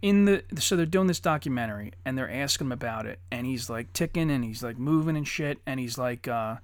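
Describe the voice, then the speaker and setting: A man in his thirties, a father and podcast co-host, telling stories in lively casual chat, swearing often and acting out quotes. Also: mid-range voice, a little fast, no room sound. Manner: animated storyteller, swears often, acts out quotes.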